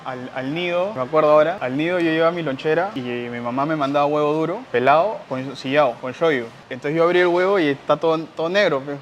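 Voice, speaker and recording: A young man with a Peruvian Spanish accent, chatting casually in an interview, relaxed and rambling, with slang and repeated words. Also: on the high side, a little fast, slight background noise. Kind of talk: casual chat.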